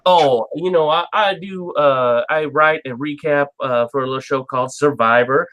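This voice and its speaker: A man introducing himself on a podcast panel, halting and full of fillers but upbeat. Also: a little high, a bit bright, dull audio. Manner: halting, lots of uh and restarts. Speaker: editor, TV recapper. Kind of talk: casual podcast chat.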